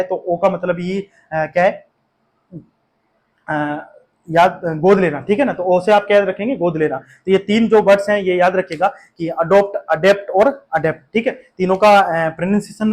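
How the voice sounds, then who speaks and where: A man with a high, slightly mellow voice and an Indian English accent teaches exam vocabulary. He explains patiently and repetitively, using frequent fillers and checking in with questions.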